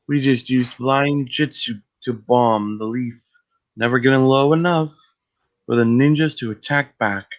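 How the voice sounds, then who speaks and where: A man reads a passage of fan fiction aloud on a casual podcast. He takes it slowly, plodding through the sentences and tripping over a word here and there. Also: mid-range voice, poor audio. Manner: plodding read-aloud with stumbles. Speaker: podcast co-host.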